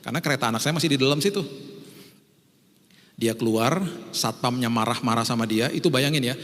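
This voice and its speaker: A middle-aged pastor from Indonesia tells a story from the pulpit in a voice of ordinary pitch, animated and anecdotal, slipping into the voices of the people in his tale. His words ring out with a long reverb, as in a large hall. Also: brisk. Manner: lively anecdotal storytelling, acts out quotes. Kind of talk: storytelling sermon.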